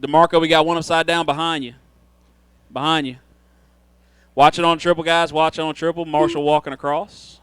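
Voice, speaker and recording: A man's voice: fairly high pitch, little pitch movement, moderate pace, long pauses, a bit bright, smooth, no room sound. A man doing live trackside race announcing, talking to drivers in an informal, folksy way.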